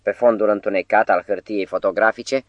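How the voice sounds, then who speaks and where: Low-voiced man narrating an audiobook. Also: fairly even intonation, dry recording, lo-fi sound.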